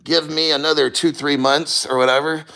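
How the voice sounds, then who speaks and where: A man's voice: a little high, level tone, moderate pace, creaky, bright, forceful tone. A man talking casually and bluntly to the camera while sitting in ice cold water, rambling and swearing as he goes. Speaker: crypto podcast host.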